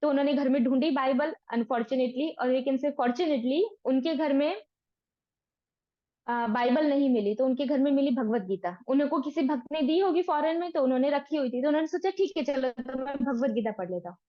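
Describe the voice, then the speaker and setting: High-voiced woman teaching a devotional class. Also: moderate pace, no echo, dull audio. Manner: earnest, explanatory, asks and answers own questions. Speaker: Gita course teacher.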